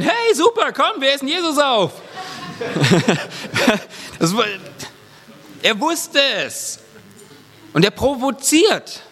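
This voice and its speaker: A man's voice: sits high, bright, forceful tone. A man preaching in a slightly raised voice that rings with the long reverb of a church hall. His delivery is loose and colloquial as he acts out the people he talks about. Faint mains hum sits under the sound. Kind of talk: lively sermon.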